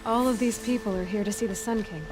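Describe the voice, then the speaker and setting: A woman's voice: on the high side, fast, over music, close to an everyday voice. Aloy, direct young huntress played by a woman. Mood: guarded. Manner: blunt, questioning. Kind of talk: video game cutscene acting.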